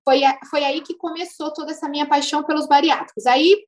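A speech therapist with a Brazilian Portuguese accent tells her own story as a guest in a casual interview. Her voice sits high and she talks quickly, chatty and lively, laughing now and then.

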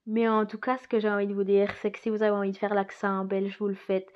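A woman's voice: medium pitch, completely flat delivery, quick pace. A woman in a casual reflective monologue as a podcast host, musing and rambling, often laughing. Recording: slightly dull lo-fi recording.

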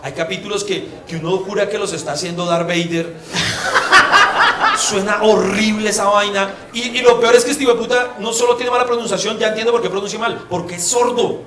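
A man with a Colombian Spanish accent, speaking at normal speed in a high, bright, forceful voice, co-hosts a comedic podcast. He shares stories and mocks his friend in a teasing way. The recording is roomy, with laughter from the audience.

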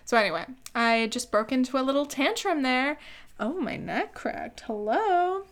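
A woman's voice: high voice, lively intonation, normal speed, fairly bright tone. A young woman hosting her own podcast, telling casual stories with frequent laughs and casual swearing. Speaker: podcast host; barista. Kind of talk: casual solo storytelling. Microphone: camera mic.

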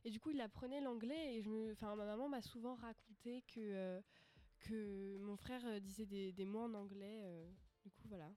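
A woman's voice: mid-range voice, fairly even intonation, normal speed, dark tone, dry recording. A young woman tells a story in a class discussion, rambling and restarting often. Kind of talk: casual discussion.

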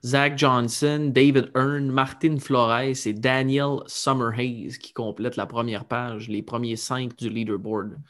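A man's voice: medium pitch, little pitch movement, slow, few pauses, a bit bright. A man with a Québécois accent co-hosting a golf podcast in a casual, chatty style. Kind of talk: casual sports chat.

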